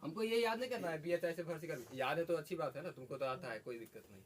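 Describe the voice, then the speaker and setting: A man's voice: fairly high pitch, fast talker, a crowd in the background. A man teaching a class, asking the students questions and repeating their answers. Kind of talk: classroom lesson. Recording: faint background noise.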